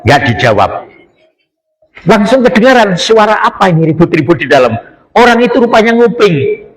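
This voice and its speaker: A man gives a sermon in a lively, swinging voice that sits a bit high for a man. He keeps putting questions to his listeners and teases them with jokes. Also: moderate pace, poor audio. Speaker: preacher. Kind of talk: sermon, lively religious talk. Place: mosque after dawn prayer.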